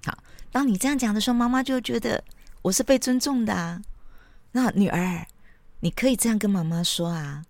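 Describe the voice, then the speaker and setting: A woman hosting a parenting podcast, chatty and sprinkled with soft laughs. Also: medium pitch, a little fast, no room sound. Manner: chatty, with frequent soft laughs and tag particles. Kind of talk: casual podcast monologue.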